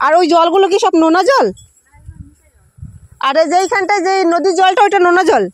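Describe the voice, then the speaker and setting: High-voiced woman chatting on a riverbank walk. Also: fairly quick, no echo. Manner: chatty, talks straight to viewers while walking. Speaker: vlogger. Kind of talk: casual travel vlog. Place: outdoors by a muddy riverbank.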